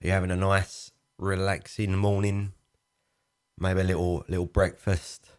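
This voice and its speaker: A man's voice: deep voice, flat delivery, moderate pace, a little mellow, smooth. A man co-hosting a let's play with his wife, joking and teasing in casual chat, still drowsy. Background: game music.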